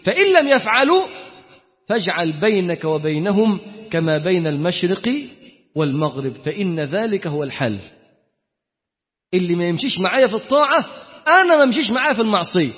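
A man preaching a colloquial sermon with an Egyptian accent, animated and emphatic, swinging between loud and quiet. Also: high voice, fairly quick, long pauses. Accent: Egyptian Arabic. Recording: dull lo-fi sound with long hall reverb.

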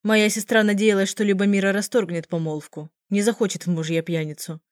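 A woman's voice: medium pitch, level tone, a little fast, no room sound, clean studio sound, close to an everyday voice. Woman reading as a stern young man. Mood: accusing. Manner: firm, reproachful. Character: stern young man scolding his sister.

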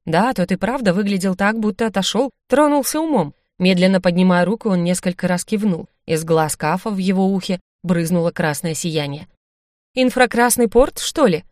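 Woman reading a lively audiobook. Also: fairly low pitch, brisk, hardly any pauses, dry recording, studio quality. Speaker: audiobook narrator. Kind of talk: first-person audiobook narration.

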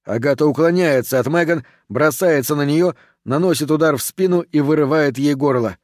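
A man narrating a horror audiobook in an even, steady reading voice. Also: a little high, moderate pace, no echo, studio quality.

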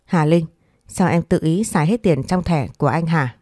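A woman's voice: sits low, moderate pace, dry recording, clean studio sound. A woman voicing an angry young husband who scolds his wife. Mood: scolding. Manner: shouting, scolding.

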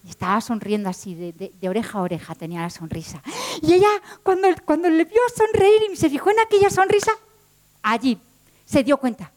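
A woman tells a story to a live audience in a high, bright voice. She is lively and dramatic, turning to her listeners as she goes. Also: a little fast, rough recording.

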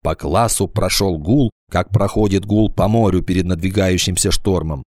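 A man reading a children's story aloud as narrator, in an expressive storybook manner. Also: deep voice, moderate pace, dry recording. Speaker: audiobook reader. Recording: dry close home recording.

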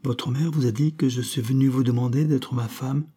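A man's voice: medium pitch, steady tone, normal speed, warm tone, breathy edge, pitched above the performer's own voice, close to an everyday voice. A man voicing an earnest, pleading young suitor.

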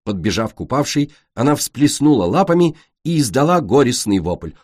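A man narrating a children's fantasy story in an expressive way. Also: medium pitch, normal speed, breathy edge, no echo. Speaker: audiobook narrator. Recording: dry close recording.

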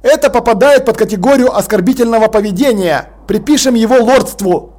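A man's voice: very high voice, brisk, a little mellow. A man voicing a stubborn city watch commander who gives orders in a dry, blunt tone. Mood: commanding.

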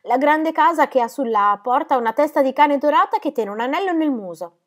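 A woman voicing an excited, eager little girl. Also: high voice, a little fast, pitched above the performer's own voice.

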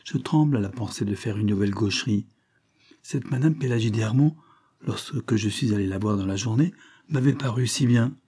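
A man reading aloud, voicing a smooth foreign gentleman who plays a naive count, effusive and ingratiating. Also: fairly low pitch, normal speed.

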